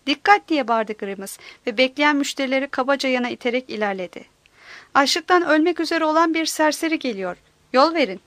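A woman's voice: high voice, expressive, a little fast, a bit bright, no room sound. A woman voicing a crude, hungry male vagrant who talks brashly and pushily. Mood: bellowing. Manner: brash, boisterous, pushy.

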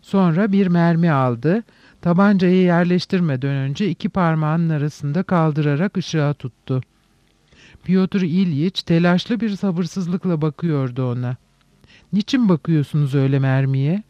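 Man reading a novel aloud, calm and steady, muffled dead-dry sound. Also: fairly high pitch, measured pace, no room sound. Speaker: audiobook narrator. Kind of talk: scripted narration. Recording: dull dry recording.

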